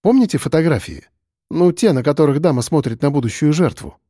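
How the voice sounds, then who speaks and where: A man's voice: a little high, lively intonation, a little fast, mellow, no room sound, studio quality, voice pushed up. A man reading an audiobook, voicing a resolute young woman who speaks firmly. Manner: firm, decisive.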